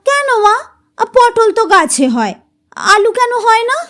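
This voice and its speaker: A woman's voice: extremely high pitch, very animated, unhurried, fairly bright tone, pitched above the performer's own voice, heavily acted. A woman doing a whiny, nasal little girl. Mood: pestering. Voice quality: nasal, tearful whine.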